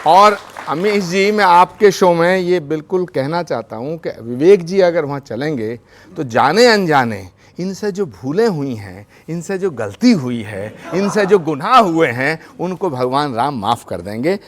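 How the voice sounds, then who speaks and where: A man speaking as a spiritual leader on a TV debate panel, measured and formal with devotional phrasing. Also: on the high side, animated. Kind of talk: TV debate argument. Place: TV studio.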